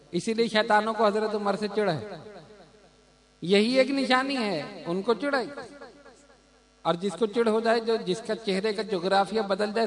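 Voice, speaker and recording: A man giving a sermon, telling stories in an emphatic, animated way. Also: sits high. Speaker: preacher. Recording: crowd audible behind.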